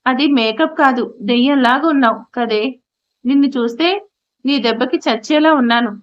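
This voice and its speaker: A woman's voice: a little high, normal speed, natural voice. A woman voicing a startled, grumbling middle-aged man in an audio story, speaking in a scolding way. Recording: slightly muffled audio.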